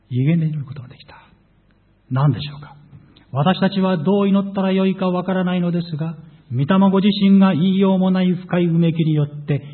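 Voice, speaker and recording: A man preaching as a pastor, telling his testimony in an animated storytelling way. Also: a little high, slightly rough. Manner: animated storytelling, voices quoted people. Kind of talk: sermon testimony. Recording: tinny phone-like audio.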